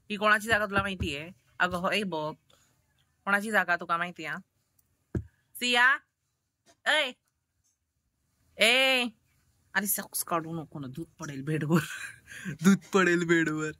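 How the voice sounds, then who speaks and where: A woman's voice: fairly low pitch, normal speed, pushed and bright. A woman home vlogger chatting casually, teasing and cooing at a toddler in playful baby talk.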